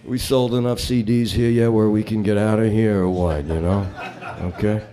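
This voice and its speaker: A man's voice: on the low side, fairly even intonation, moderate pace, mellow. A man performing a live comedy set, telling bar jokes with rambling, wisecracking patter between them.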